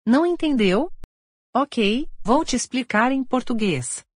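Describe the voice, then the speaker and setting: A woman teacher explaining a point of grammar clearly to learners. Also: a little high, lively intonation, measured pace, dry recording, studio quality. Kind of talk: lesson explanation.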